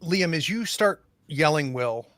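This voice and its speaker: A man narrating as game master of a tabletop horror game, in measured, hushed narration. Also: a little high, animated.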